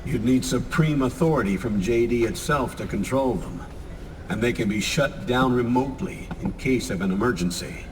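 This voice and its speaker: A man's voice: medium pitch, normal speed, in a large hall, recorded from a distance, a little hiss or hum, natural voice. A man playing an older military commander who gives a grave, commanding mission briefing in a video game. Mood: grave, explanatory.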